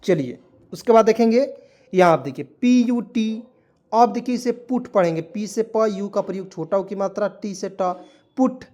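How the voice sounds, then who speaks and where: A man teaching English reading as a classroom-style lesson, spelling out letters, sounding words slowly and repeating them, often calling viewers his friends. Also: high-pitched, expressive, mellow. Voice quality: repetitive, addresses viewers as friends. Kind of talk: Hindi-language phonics lesson.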